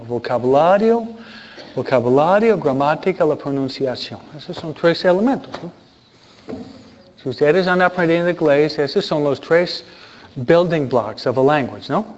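Halting priest on a dull recording. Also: male voice, medium pitch, darkish tone. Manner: halting, restarts words, frequent questioning tags. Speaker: priest and teacher. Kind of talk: informal talk to a congregation.

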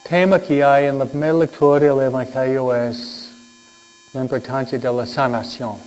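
A man speaking as a priest in solemn church delivery, reading scripture and preaching with deliberate phrasing and frequent pauses. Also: mid-range voice, fairly even intonation, darkish tone, clean tone, dull audio. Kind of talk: solemn Gospel reading and homily.

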